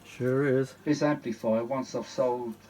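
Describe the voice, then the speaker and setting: This vintage audio repair vlogger, a British man, has a mellow, mid-range voice with fairly even intonation and an unhurried pace. His demonstration is casual, rambling and chatty, peppered with exclamations. Clear background noise runs through the noisy recording.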